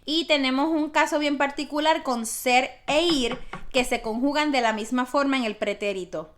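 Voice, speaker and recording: A woman's voice: high voice, moderate pace, fairly bright tone. Patient woman teaching grammar. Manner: patient, explains step by step with examples. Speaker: Spanish teacher. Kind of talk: classroom grammar lesson.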